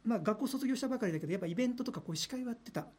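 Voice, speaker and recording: A man's voice: very high-pitched, expressive, rapid-fire, a little mellow, husky. A man working as a radio personality, chatting casually and animatedly in a studio, often laughing and imitating voices.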